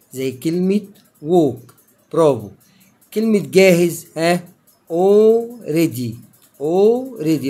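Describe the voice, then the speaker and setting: Egyptian male tutor, higher voice, online lesson, quizzing and praising students. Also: darkish tone, husky. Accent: Egyptian Arabic. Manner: quizzes listeners with prompting questions and praise. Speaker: English teacher.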